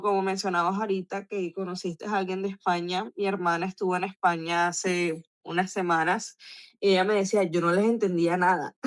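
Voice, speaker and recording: A woman's voice: mid-range voice, fairly bright tone, no echo. Woman, Colombian coastal accent, explanatory, hesitant fillers, dry close recording. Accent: Colombian coastal Spanish. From Barranquilla, Colombia. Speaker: book club member with a linguistics background. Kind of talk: casual book club discussion.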